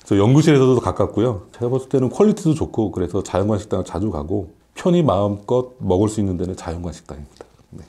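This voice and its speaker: A man's voice: fairly low pitch, animated, quick pace, hardly any pauses, mellow. A man in his late forties, a professor chatting candidly and conversationally as a guest answering questions on a casual radio show. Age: late 40s.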